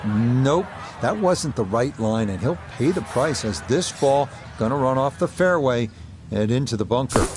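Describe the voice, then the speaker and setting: A man doing golf commentary as lead announcer, calling shots in short, measured phrases. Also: mid-range voice, expressive, background noise.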